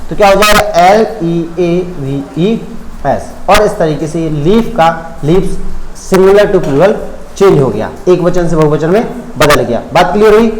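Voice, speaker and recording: A man teaching an English grammar lesson, spelling words out letter by letter and often checking whether the point is clear. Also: on the high side, animated, normal speed, roomy sound, slight background noise, low-quality recording.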